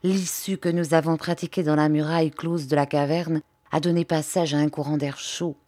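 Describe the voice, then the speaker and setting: A woman's voice: low voice, steady tone, normal speed, dark tone, no room sound. A woman reading aloud voices an anxious, earnest male scientist explaining a danger in an audiobook. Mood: grave, urgent.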